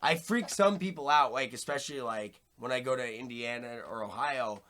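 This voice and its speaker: A young man with a New York accent hosting a podcast, talking fast and full of slang in a casual chat. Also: mid-range voice, pushed and bright. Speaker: podcast host.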